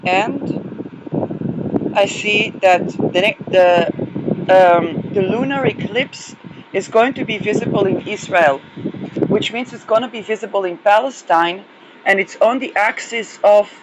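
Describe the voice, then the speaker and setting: A woman with a mid-range voice hosts an astrology podcast while losing her voice, rambling through a solo monologue full of hesitations, fillers and restarts. The audio is dull and very noisy.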